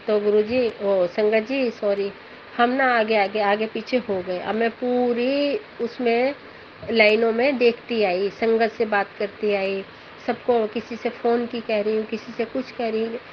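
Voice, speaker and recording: A woman's voice: on the high side, steady tone, unhurried. A middle-aged woman earnestly telling a rambling, emotional devotional testimony about her husband. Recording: dull lo-fi audio with faint background noise.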